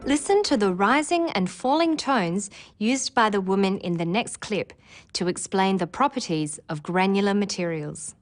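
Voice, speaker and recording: A woman presenting an English exam preparation lesson in clear, careful scripted narration. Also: medium pitch, lively intonation, moderate pace, soft background music. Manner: clear, careful delivery with demonstrated intonation.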